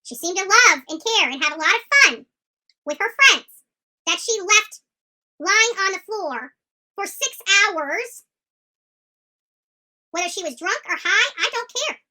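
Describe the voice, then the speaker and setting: An online commentator with an extremely high-pitched, sharp, bright voice offers opinionated true crime commentary, combative and emphatic, driving points home through repetition. The intonation is lively, the pace measured, with frequent pauses.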